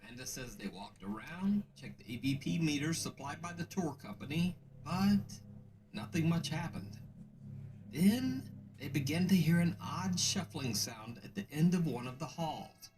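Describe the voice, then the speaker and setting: A man's voice: a little high, lively intonation, rough recording. Man narrating creepy stories over noise. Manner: measured, hushed storytelling delivery. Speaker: narrator of a scary video countdown. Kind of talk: scripted narration.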